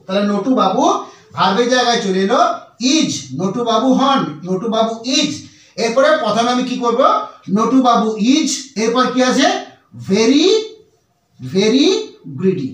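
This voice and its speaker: High-pitched man teaching in an echoey room. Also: fairly bright tone, recorded from a distance. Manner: slow, repetitive, spells words letter by letter. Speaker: English teacher. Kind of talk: explaining translation and spelling out words.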